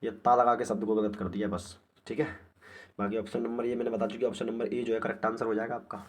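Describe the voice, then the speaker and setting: Casting note: male teacher, lowish voice, repeats words as he goes through exam practice spellings. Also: flat delivery, quick pace. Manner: repetitive, drills each word aloud. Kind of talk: exam-prep spelling lesson.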